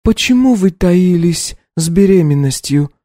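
A man voicing a serious, caring middle-aged housekeeper in a hushed, raised voice, audiobook style. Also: high voice, expressive, unhurried, no room sound, studio quality, pitched above the performer's own voice. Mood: grave.

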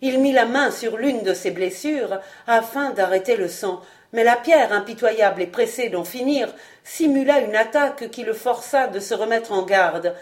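A woman narrating a classic novel as an audiobook, in a measured, expressive reading. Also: on the high side. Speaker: audiobook reader. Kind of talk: scripted narration.

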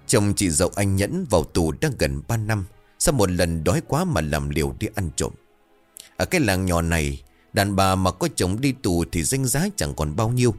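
A man telling a scripted horror story in a steady, dramatic way. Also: low-pitched.

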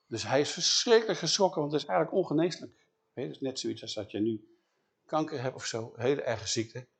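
A man retelling a Bible story in an animated way, often checking in with his listeners. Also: mid-range voice, a little fast, creaky, breathy edge.

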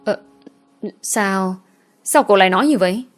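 A woman's voice: medium pitch, moderate pace, faint music behind, lightly acted. A woman voicing a poor, desperate older father who pleads hesitantly. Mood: distressed.

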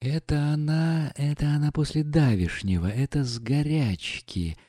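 A man's voice: a little high, warm tone, dry recording, clean studio sound, pitched above the performer's own voice. A man reading an audiobook, voicing an imperious, hot-tempered older noblewoman who scolds and snaps. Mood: agitated scolding. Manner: scolding, quick to anger.

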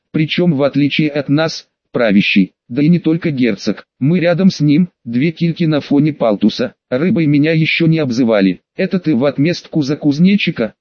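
A man narrates an audiobook in a steady, measured way, his voice sitting a little high for a man. The recording is dry and close, with a slightly dull top end. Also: no room sound. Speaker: audiobook reader.

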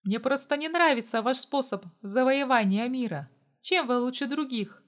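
A woman's voice: high-pitched, normal speed, a bit bright. A woman voicing a jealous, stubborn young man in an audiobook, speaking in an irritable, defiant way. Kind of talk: audiobook dialogue.

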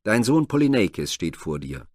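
A man voicing a gentle young woman, a loyal daughter, speaking mildly in a spoken myth retelling. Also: lowish voice, sing-song, moderate pace, dry recording, clean studio sound. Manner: mild, soothing.

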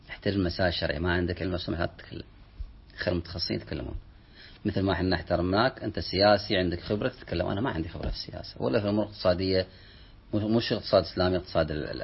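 A man's voice: low-pitched, gravelly, husky. A man giving a religious lecture as a preacher, emphatic and often asking his listeners rhetorical questions. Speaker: Islamic preacher. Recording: dull lo-fi recording.

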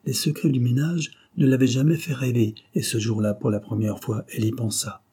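A man narrating an audiobook in a measured, even storytelling manner. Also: medium pitch, breathy edge. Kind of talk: scripted narration.

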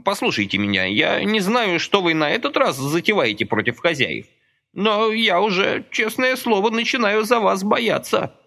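Brief: man doing timid anxious old man, high, pleading. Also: very animated, normal speed, creaky, sharp tone, exaggerated voice. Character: frightened, fussy little old man.

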